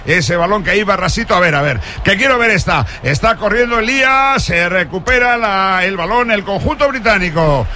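A man with an accent from Spain giving breakneck, excited football commentary on live radio, stretching out shouted goal calls. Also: high voice, moderate pace, slight background noise.

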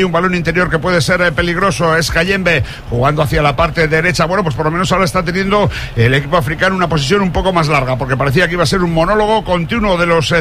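A man with an accent from Spain giving breakneck, excited football commentary on live radio, stretching out shouted goal calls. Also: on the high side, slight background noise.

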